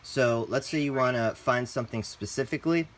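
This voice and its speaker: Brisk and medium-pitched, this male tutorial host walks through a product step by step. His delivery is relaxed and straightforward, and he addresses the audience as "guys."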